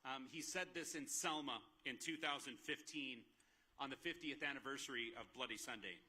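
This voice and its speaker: A man's voice: mid-range voice, moderate pace, slightly rough. A man, a university president, giving a commencement speech, earnest as he lists his thanks. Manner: earnest, listing thanks at a steady clip. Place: outdoor graduation ceremony over a PA.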